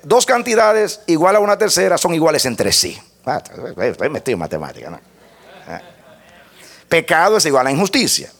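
Animated preacher man teaching a sermon. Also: on the high side. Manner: teaching, asks the congregation to repeat phrases; spells out points step by step like a lesson.

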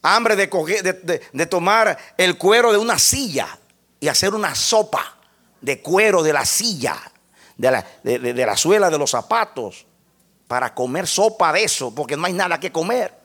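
A man's voice: high voice, expressive, normal speed, fairly bright tone. A man preaching a sermon, reading scripture aloud, acting out quotes, and stretching key words for weight.

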